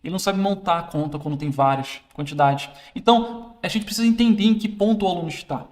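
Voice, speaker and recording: A man's voice: high-pitched, quick pace, darkish tone. Man explaining a classroom prop. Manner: explains while handling a classroom prop, self-correcting. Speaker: teacher trainer. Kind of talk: casual instructional demo.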